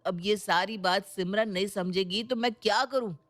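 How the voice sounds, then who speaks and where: A woman's voice: mid-range voice, normal speed, fairly bright tone, lightly acted. A defensive young husband from an audio storybook complains that he is too busy with work, played by a woman. He sounds exasperated and put upon. Faint music plays behind him.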